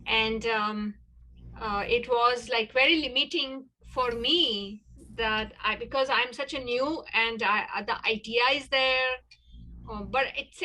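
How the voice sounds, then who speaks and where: A woman speaking up in an online class over a group video call, halting and searching for words as she restarts her sentences. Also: a little high, bright, forceful tone, poor audio. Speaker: workshop participant. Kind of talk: casual sharing in an online class.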